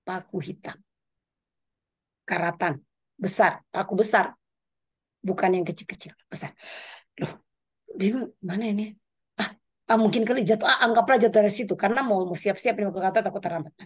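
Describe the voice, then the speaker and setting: A middle-aged woman speaking at a women's prayer meeting, giving a lively spoken testimony sermon, her pitch rising and falling as she tells her story. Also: fairly quick, long pauses, breathy edge. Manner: animated storytelling, pitch swinging up and down.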